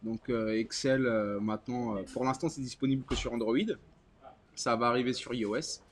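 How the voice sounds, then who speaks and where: A man whose first language is Portuguese, with a medium-pitched voice. He co-hosts a live chat and explains things in a casual, conversational style. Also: steady tone, moderate pace, soft background music. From Portuguese-speaking country, moved to France at twelve. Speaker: co-host and community moderator.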